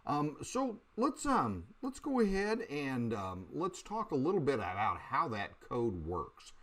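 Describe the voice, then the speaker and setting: Male programming teacher, halting delivery full of fillers, lively up-and-down pitch. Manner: halting, many uh and um fillers, restarts. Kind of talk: screen-recorded coding lesson.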